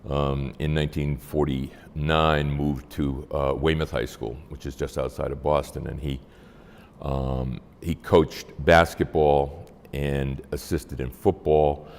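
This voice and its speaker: An older man, reminiscing in a halting, measured way with frequent pauses. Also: very deep voice, level tone. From Massachusetts, United States. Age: 70s or older. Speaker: interviewee. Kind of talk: oral history reminiscence. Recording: long hall-like reverb.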